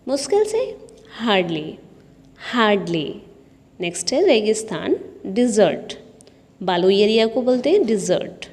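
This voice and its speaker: A woman's voice: mid-range voice, sing-song, a little slow, long pauses, a little mellow. A woman teaching English vocabulary and repeating each word in a drill. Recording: long hall reverb.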